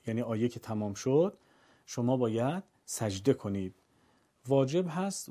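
A man teaching a Quran recitation lesson, calmly explaining the rules and then chanting the verses slowly and melodically. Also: mid-range voice. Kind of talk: tajweed lesson.

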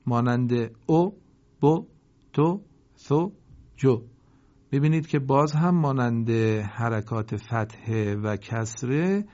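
A man teaching Quran recitation, slowly drawing out the syllables of each example, then explaining politely and formally. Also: medium pitch, darkish tone, dull audio. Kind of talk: recorded lesson.

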